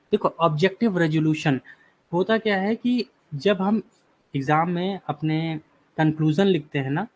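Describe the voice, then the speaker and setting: A man teaching a live online exam-prep class, reassuring students, reading out their replies and explaining terms slowly with questions he answers himself. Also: fairly high pitch. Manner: reassuring, repeats "ठीक है" and "बिल्कुल" while reading out student replies.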